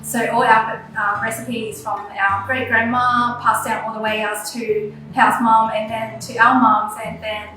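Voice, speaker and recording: Australian-accented woman restaurant owner, hesitant delivery, slightly high voice, music behind. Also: level tone. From Taiwan, grew up in Australia. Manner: halting, with many fillers. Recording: roomy and distant with music behind.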